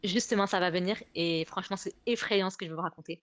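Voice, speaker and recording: A woman's voice: fairly low pitch, fast, no echo. A young woman telling a personal story on a livestream, emotional, repeating and restarting her words often. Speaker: guest storyteller.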